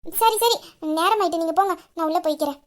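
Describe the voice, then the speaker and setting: A woman playing a shy but sharp-tongued young wife in a romantic audio drama, protesting with quick, giggly retorts. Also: very high-pitched.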